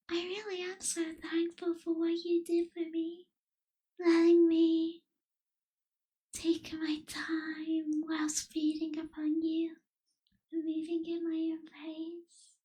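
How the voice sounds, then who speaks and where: For an ASMR roleplay of intimate scripted acting, a woman voices a gentle young female vampire. Her extremely high, girlish voice stays soft and breathy. She speaks very slowly and tenderly, drifting toward a whisper, and her tone barely rises or falls.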